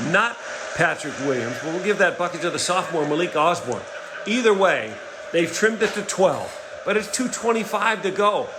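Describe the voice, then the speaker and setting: A middle-aged man calling a basketball game play by play, energetic and rising in excitement on big plays. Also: on the high side, noisy background. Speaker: play-by-play commentator. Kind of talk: play-by-play sports commentary. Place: home setup, voice-over for a replayed game.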